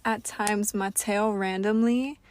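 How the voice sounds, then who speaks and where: A woman's voice: mid-range voice, slow pace. Gushing young woman podcast co-host. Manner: animated, gushing storyteller. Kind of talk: casual podcast chat.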